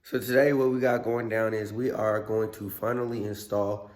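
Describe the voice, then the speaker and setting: Hoarse, low-voiced man in workshop vlog. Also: little pitch movement, moderate pace. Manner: laid-back, slangy, with repeated catchphrases. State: under the weather, sore voice. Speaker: host of a car repair vlog. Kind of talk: casual workshop vlog talk. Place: car workshop.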